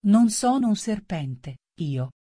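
A woman voicing a polite, curious young girl in a storybook reading, speaking gently. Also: mid-range voice, big pitch swings, slow pace, no room sound, clean studio sound.

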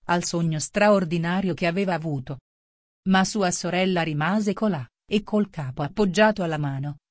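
A woman narrates a classic storybook in a measured, even way. Her voice sits on the low side, recorded close and dry. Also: dry recording. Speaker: audiobook narrator.

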